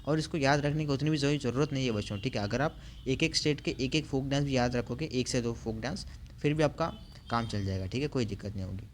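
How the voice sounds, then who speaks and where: A male teacher giving an online class, reading out long lists, slowing down on hard names and adding frequent fillers. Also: mid-range voice, slight background noise. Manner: reads out lists, adds frequent "theek hai" fillers; slows down to spell out hard names.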